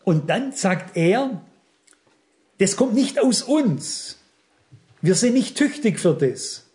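A man's voice: high-pitched, very animated, slow pace, darkish tone. A middle-aged man preaching a sermon, earnest and emphatic, speaking straight to his listeners.

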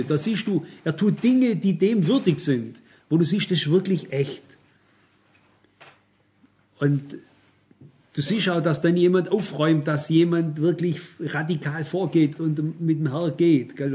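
A man with a fairly high voice delivers a sermon with emphasis. He speaks directly to his listeners and keeps asking whether they understand. He sounds middle-aged. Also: mellow. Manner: emphatic, addresses congregation directly with rhetorical questions. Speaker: preacher.

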